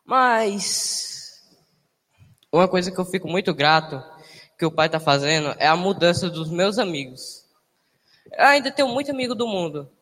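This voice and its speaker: A young man gives a casual, emotional church testimony, halting and restarting as he talks. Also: sits high, lively intonation, a bit bright. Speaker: church member giving testimony. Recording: long hall reverb.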